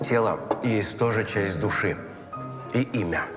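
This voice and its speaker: An actor playing a solemn, measured man expounding ancient lore in a period detective series. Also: lowish voice, lightly acted. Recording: reverberant hall with music behind.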